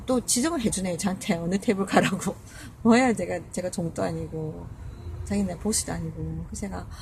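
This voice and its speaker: A woman's voice: lowish voice, vocal fry, a little mellow, a little hiss or hum. A woman caregiver telling a personal story in casual talk, hesitant with many fillers and restarts, acting out what others said.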